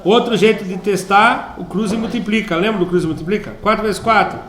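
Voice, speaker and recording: A man's voice: sits high, quick pace, fairly bright tone, a little hiss or hum. A Brazilian man teaching math to a class, playful and chatty, asking students questions as he works problems. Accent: Brazilian Portuguese. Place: school classroom. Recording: echoey classroom.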